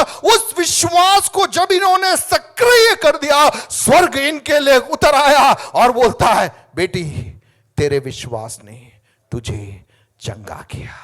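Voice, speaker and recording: A man preaching a fervent sermon as pastor, moving from quiet asides to loud calls for the congregation to answer back. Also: very high voice. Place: church hall.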